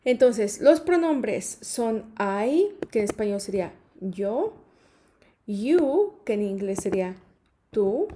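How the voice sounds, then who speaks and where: Woman teacher going over english grammar, kinda high but mellow voice, keeps checking in with the class. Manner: patient, repeats points with "¿sí?" and "¿ok?". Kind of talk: explaining grammar.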